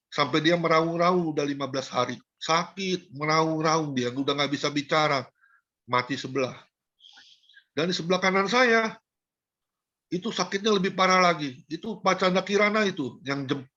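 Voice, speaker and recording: A middle-aged male evangelist shares his testimony in a sermon, his voice climbing high whenever he leans into a point. He sits at a mid pitch for a man. The sound is dull and lo-fi, as if it came through a video call. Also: a bit bright. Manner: emotional storytelling, pitch rises high when stressing. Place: home, joining an online service.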